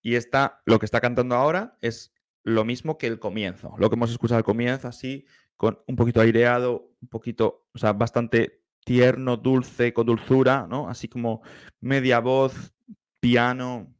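A man's voice: medium pitch, steady tone, moderate pace, no echo, clean studio sound. A man, a choir director giving enthusiastic, explanatory commentary while reacting to a singer. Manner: explanatory, enthusiastic, hums vocal demonstrations.

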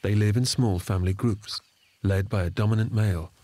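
A man reading scripted nature documentary narration in a measured storytelling manner. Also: on the low side, fairly even intonation, mellow. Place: studio voice-over. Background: background music.

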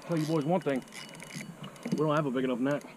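A man fishing from a small boat offshore, joking, cursing and excited as a fish is fought. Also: a little high, fast talker, poor audio. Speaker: angler. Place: small boat offshore near oil rigs, outdoors. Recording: loud wind and boat noise outdoors.

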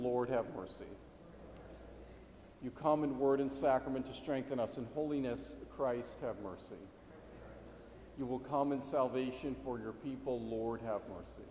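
A man leading a church liturgy as presiding priest, praying in a measured, formal way, with a cathedral echo around his voice. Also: medium pitch, a little mellow, slight background noise. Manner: measured, formal prayer delivery. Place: large church interior. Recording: echoey church hall, faint ambience.

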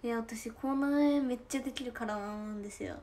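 Giggly high-voiced young woman streaming. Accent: Tosa dialect. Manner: chatty and giggly, drawn-out soft endings. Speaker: idol livestream host. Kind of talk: casual livestream chat reading comments.

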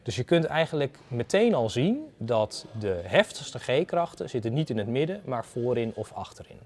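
A man in his thirties with a mid-pitched, highly animated voice. He explains technical data conversationally, building it up step by step in a didactic way. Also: normal speed. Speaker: expert guest, data analyst. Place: indoor garden atrium of a university building.

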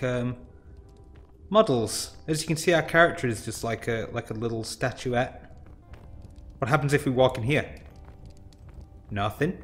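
A man rambles through a casual let's-play of indie games at a mid pitch. He is chatty and quick to poke fun at himself. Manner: chatty, rambling, self-deprecating. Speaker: game showcase host.

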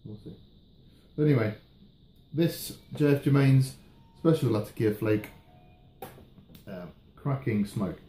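A British man in his thirties chatting casually and haltingly in a relaxed, rambling review, often trailing off. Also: mid-range voice. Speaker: pipe tobacco reviewer. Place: indoors, small room at home. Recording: roomy echo, faint background noise.

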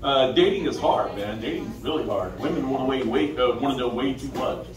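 A man's voice: medium pitch, brisk. Nervous amateur male comic in an echoey club. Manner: nervous stage fright, hesitant and self-deprecating. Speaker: first-time stand-up comedian. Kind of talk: amateur stand-up comedy at an open mic. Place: small indoor comedy club stage. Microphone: handheld stage mic, filmed from the back of the room. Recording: echoey club from far off, crowd noise. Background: audience chatter and laughter.

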